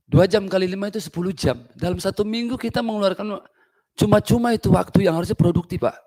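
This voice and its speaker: A man's voice: high-pitched, fast, mellow. A man from Indonesia testifying as a local resident at a parliamentary hearing, earnest and emotional, deferentially addressing the officials again and again. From Indonesia, Parung Panjang. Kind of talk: impassioned public testimony.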